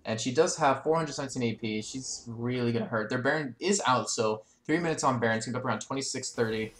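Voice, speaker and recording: A male co-caster rattles through game analysis at a quick clip in a mid-range voice. He is excitable, cuts in eagerly and apologizes for interrupting. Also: medium pitch, reverberant. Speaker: esports co-caster. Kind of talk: color commentary.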